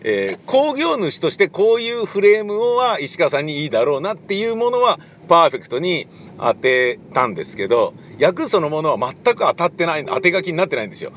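This playwright and director talks fast with hardly any pauses, his fairly high, fairly bright voice swinging widely in pitch. His casual solo ramble about writing his play is packed with fillers and occasional impressions of people he quotes. A little hiss or hum sits under the audio.

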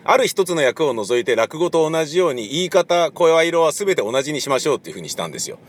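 A man's voice: on the high side, sing-song, fast talker. A man giving a casual solo monologue about writing his play, rambling with many fillers and now and then acting out the voices of the people he quotes. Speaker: playwright and director.

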